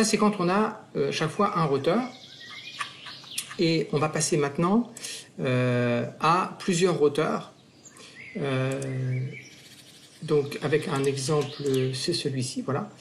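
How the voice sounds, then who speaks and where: A man's voice: on the high side, gravelly, slight background noise. A man giving a screen-recorded math lesson, counting steps aloud with many fillers and self-corrections. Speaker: math teacher.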